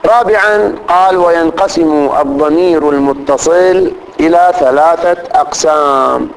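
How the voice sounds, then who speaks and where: A man teaching grammar to a class, reciting lists of pronouns slowly and often checking that students follow. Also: fairly high pitch, rough recording. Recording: faint background noise.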